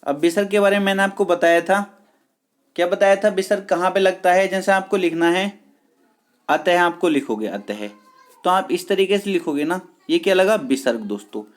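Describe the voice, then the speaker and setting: A teacher giving an online exam-prep lesson, repeating key words slowly and checking with the class whether it is clear. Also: mid-range voice. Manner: addresses viewers as friends, patient and repetitive.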